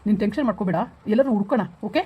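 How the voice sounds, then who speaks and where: A woman's voice: mid-range voice, rapid-fire, mellow, slightly rough, natural voice. A woman playing a firm, scolding husband who mixes in English, in a family drama skit.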